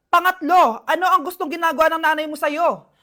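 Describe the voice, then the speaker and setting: A woman's voice: sits high, steady tone, fast talker, bright, forceful tone. A woman performing short comedy skits, switching between characters as she voices every part herself. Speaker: sketch performer voicing all parts.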